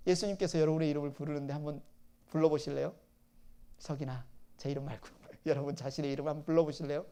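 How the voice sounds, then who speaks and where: A male pastor preaching a sermon. He repeats phrases, asks the congregation questions and acts out quoted lines with sudden bursts of loudness. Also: fairly high pitch.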